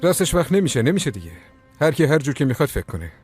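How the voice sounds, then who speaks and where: An actor voicing a self-assured, calm young man in a dubbed TV drama. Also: on the high side, faint music behind. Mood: quiet. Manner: cool, measured and a little condescending.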